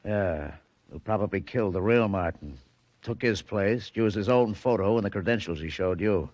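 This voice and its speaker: Actor as gruff low-voiced old radio show cop. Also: male voice, moderate pace, a little mellow, dry recording, highs cut off, close to an everyday voice. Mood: brusque explaining. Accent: American. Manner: curt, sarcastic, clipped tough-cop talk. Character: gruff sardonic male New York police detective. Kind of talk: 1940s radio drama acting.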